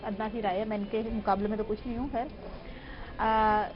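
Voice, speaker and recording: A woman with a Pakistani Urdu accent, a guest mother chatting on a TV talk show, modest and animated as she tells stories. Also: mid-range voice, normal speed, muffled recording, over music. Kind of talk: casual TV talk show chat.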